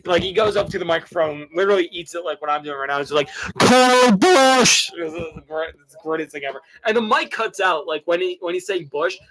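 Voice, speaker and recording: A man's voice: high voice, a bit bright, rough recording. A young man chatting casually while watching a race, rambling and stammering with lots of restarts. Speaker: video creator.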